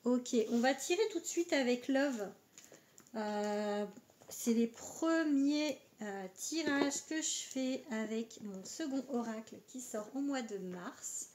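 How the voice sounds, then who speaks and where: A woman's voice: fairly high pitch, slow, darkish tone, a little hiss or hum. A woman giving a casual astrology card reading, talking hesitantly with many filler words. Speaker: oracle card reader.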